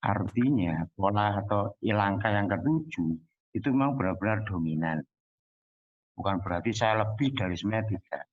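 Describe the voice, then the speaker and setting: A man's voice: fairly low pitch, animated, moderate pace, dry recording, highs cut off. Man on a breaking-up call line. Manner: earnest, rambling sharing with many fillers. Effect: choppy call audio that keeps breaking up. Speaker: caller in an online business meeting.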